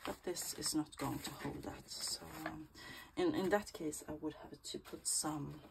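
Speaking a little slowly in a low, gravelly voice and clearly congested, a woman vlogs her crafting in a small craft room. The walkthrough is casual, mixing relaxed talk with murmured, half-whispered remarks to herself as she works. Clicks and steady background noise fill the recording.

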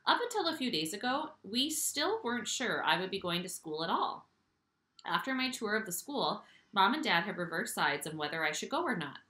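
Lively woman reading a story aloud. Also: medium pitch, normal speed, roomy sound. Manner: expressive, animated storytelling. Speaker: audiobook reader.

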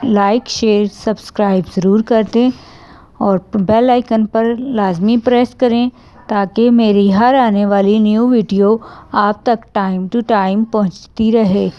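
A woman with a Pakistani Urdu accent hosting a home cooking vlog, speaking slowly and gently and adding pious blessings. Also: medium pitch, fairly even intonation, highs cut off. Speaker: cooking channel host. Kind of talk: recipe vlog narration.

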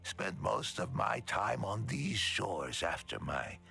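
A wistful old man from a cozy video game, speaking in a very deep, gravelly near-whisper. His delivery is slow and unhurried, yet the pitch rises and dips widely. A bright edge cuts through the soft rasp. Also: sing-song, exaggerated voice. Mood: gently confiding. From Hungary. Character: gentle old bearded man, wistful and warm-hearted.

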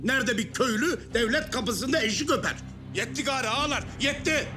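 High-voiced, defiant village craftsman. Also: fairly quick, music in the background. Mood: indignant. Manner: indignant, rhetorical, rhyming folk speech. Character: hot-headed, defiant male village felt-maker. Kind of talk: historical TV drama acting.

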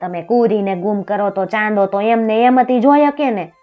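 A woman voicing a foolish, pompous old king who blusters and gives orders loudly. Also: medium pitch, normal speed, muffled recording, faint music behind, natural voice. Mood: fretful. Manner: blustering, commanding, loud.

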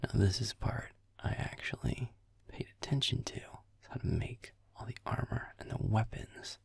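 A young man gives a grumpy werewolf boyfriend a sardonic, deadpan edge in an intimate audio roleplay, muttering as he games. The whisper is lowish, breathy and gravelly at a moderate pace, an exaggerated voice with no room sound.

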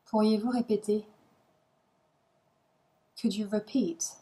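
Woman, language teacher, reading phrase pairs one by one, very slow and measured, mid-pitched. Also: steady tone, warm tone, low-quality recording. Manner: short isolated phrases, each followed by its translation.

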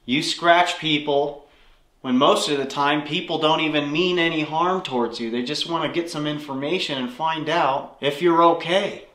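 A young ghost hunter speaks into the dark in a hushed, low tone, his voice sitting fairly high. The sound bounces around a bare, echoey room inside an old building. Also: normal speed. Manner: addresses spirits in a low, hushed tone. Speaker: paranormal investigator. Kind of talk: ghost-hunting vlog.

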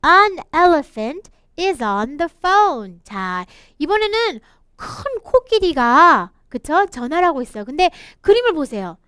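A woman teaching a children's picture-book English lesson, reading slowly and encouraging the kids to repeat after her. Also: high-pitched, sing-song, fairly bright tone, no echo, studio quality. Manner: slow, encouraging, sing-song reading with laughs.

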